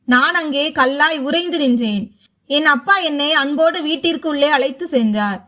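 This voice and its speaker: High-voiced woman telling a dramatic story. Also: a bit bright. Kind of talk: first-person story narration.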